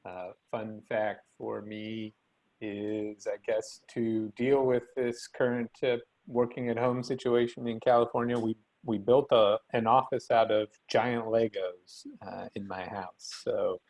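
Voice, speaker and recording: A man's voice: on the low side, level tone, unhurried, darkish tone, no echo, low-quality recording. A man from Ohio introducing himself on a video call, easygoing and a bit hesitant. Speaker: chief program officer.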